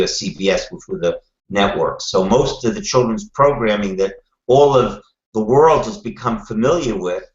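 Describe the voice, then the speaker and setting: An older man with a thick-set, low voice and a Brooklyn accent talks as a guest in an interview. He is wry and deliberate, drawing out some phrases. The sound is roomy and a little muffled. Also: fairly bright tone. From Brooklyn, New York, USA. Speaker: guest, television producer. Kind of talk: conversational interview answers. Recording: roomy, slightly muffled call audio.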